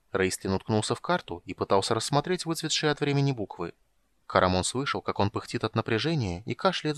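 A man reading a fantasy audiobook in a measured storytelling manner. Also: on the low side, a bit bright, no echo. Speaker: audiobook reader. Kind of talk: scripted audiobook narration.

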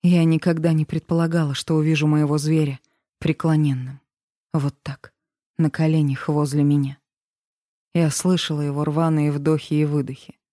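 A woman's voice: sits low, little pitch movement, moderate pace, dark tone, dry recording, studio quality. A woman narrating a first-person romance audiobook with an emotional, dramatic reading.

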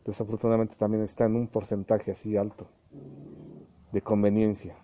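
A man's voice: lowish voice, completely flat delivery, normal speed, dark tone. A man, a spiritualist medium preaching a channeled sermon to his followers, repeating points and acting out quoted dialogues. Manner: addresses listeners as little brothers, repeats himself, acts out quoted dialogues.

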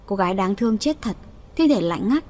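A woman narrates an audiobook tale at a middle pitch. She reads the characters' lines in her own voice, lifting it a little for their speech. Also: lively intonation, fairly quick, mellow. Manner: reads all characters' lines in a lightly raised voice. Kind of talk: storytelling audiobook reading.

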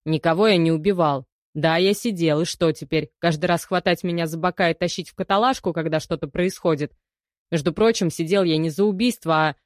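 Brief: woman voicing a loud, grumbling ex-con man, low and dry, storybook interrogation. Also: brisk, no echo, close to an everyday voice. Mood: defiant protest. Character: male detained ex-convict, defensive, sullen.

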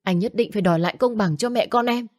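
A woman's voice: medium pitch, fast talker, darkish tone, pitched above the performer's own voice, natural voice. A woman voicing a scheming young woman who fakes a miscarriage, pleading in a raised, whiny voice.

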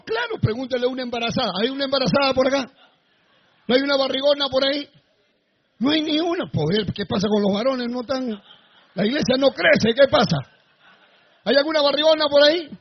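High husky preaching man. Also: expressive, brisk, long pauses, muffled recording. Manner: preaching with sudden shouted bursts. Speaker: pastor. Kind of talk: sermon. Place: church before a congregation.

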